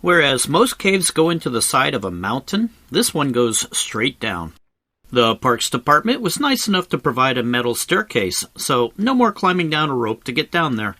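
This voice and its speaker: Narrating a travel video in scripted voice-over, a man explains things conversationally like an informal tour guide, adding wry asides. His mid-range voice is sing-song, bright and forceful at normal speed, and the dry recording was made on a close voice-over mic separately from the cave.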